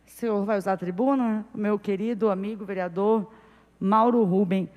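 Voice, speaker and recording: A woman's voice: mid-range voice, fairly even intonation, normal speed, highs cut off. Impassioned woman councillor in an echoing chamber. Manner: emphatic, impassioned, repeating phrases. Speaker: city councillor chairing the session. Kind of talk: impassioned political speech.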